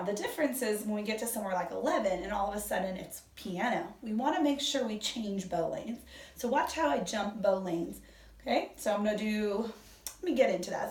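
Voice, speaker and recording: A woman orchestra teacher gives a violin lesson in an animated, fairly quick, medium-pitched voice with a darkish tone, explaining step by step and counting beats aloud. The echoey room is captured by a distant mic, with violin playing.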